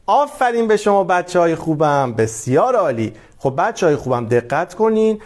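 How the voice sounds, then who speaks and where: Lively encouraging man teaching children. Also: mid-range voice. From Iran. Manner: gentle, encouraging teacher addressing children, reading letters aloud for repetition. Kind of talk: children's lesson.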